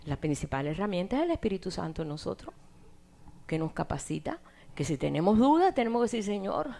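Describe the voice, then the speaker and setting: A middle-aged woman preaching a sermon, swinging from loud emphatic lines to hushed, near-whispered asides. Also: mid-range voice, sing-song, a little fast, vocal fry.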